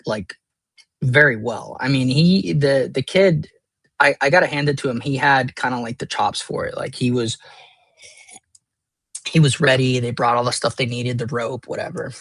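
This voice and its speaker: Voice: mid-range voice, no echo. A casual storyteller telling a long tale, rambling with many fillers and crude words.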